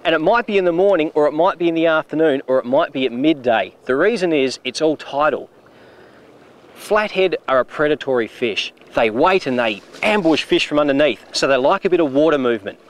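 A middle-aged Australian man hosting a fishing show, explaining technique on a riverbank and getting excited when fish bite. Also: fairly high pitch, a little fast. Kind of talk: on-location fishing demonstration. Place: outdoors on a river beach.

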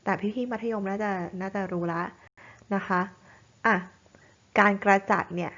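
Lady tutor doing a vocab quiz, patient and clear, kinda muffled lo-fi audio. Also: medium pitch, fairly bright tone. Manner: patient, explains words slowly and clearly.

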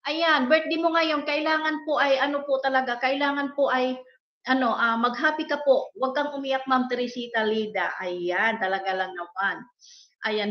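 A woman hosting a casual livestream, politely reading out viewers' names and greetings in a chatty way. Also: high-pitched. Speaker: livestream host. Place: indoors, worker's home abroad. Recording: echoey room, dull lo-fi sound.

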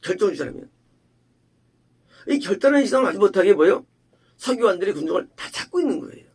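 Male pastor, gravelly and husky, delivering a sermon full of rhetorical questions. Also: high voice, expressive, very fast. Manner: emphatic preaching with rhetorical questions, swinging from loud to hushed.

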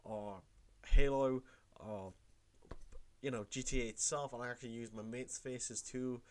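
A mid-range, slightly mellow male voice with fairly even intonation and a measured pace, plus a faint hiss or hum. He's a young YouTuber from Wales with a cold, rambling repetitively through a casual home tutorial vlog.

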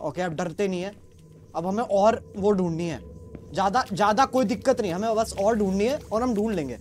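High-voiced man yelling through a horror game. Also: a little fast, noisy background. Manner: panicky yelling and crude joking. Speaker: gaming streamer. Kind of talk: horror gameplay commentary.

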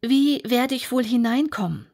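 A curious, increasingly exasperated young girl, voiced by a woman reading a storybook aloud. The voice is lifted well above the reader's own and keeps a breathy, husky edge. She pleads and insists in turn. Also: a little high, expressive, moderate pace, darkish tone, pitched above the performer's own voice. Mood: pleading.

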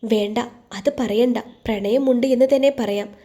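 A nervous young husband speaks in a soft, intimate murmur, as a woman narrator puts him on. The voice is mellow and warm rather than bright, pitched somewhat high. This is storybook romance told in one reader's voice. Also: fairly even intonation, normal speed, close to an everyday voice. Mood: anxious.

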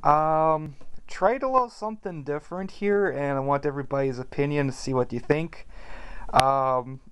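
A hobbyist video maker, a man with a somewhat high voice, gives a casual, unscripted hobby demonstration at normal speed, sounding hesitant and self-deprecating. He films indoors in a carpeted room at home with a handheld camera mic; his voice is clean without echo, but the home recording is noisy with radio static.

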